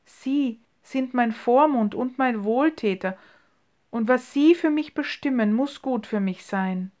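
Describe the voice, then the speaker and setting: A woman reading a story, voicing a shy young woman who speaks softly and hesitantly. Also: on the high side, a little slow, vocal fry. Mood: timid. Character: shy, timid young woman, easily flustered.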